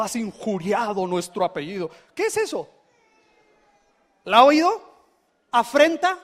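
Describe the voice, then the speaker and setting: A man with a Mexican accent, preaching a sermon as pastor, lively and questioning the congregation as he acts out quotes. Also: very high-pitched. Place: church in Mexico City.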